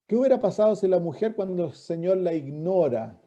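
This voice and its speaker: A man's voice: high voice, expressive, brisk, mellow. A man, preaching a sermon as a pastor, reading scripture and asking his listeners questions. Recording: dull lo-fi recording.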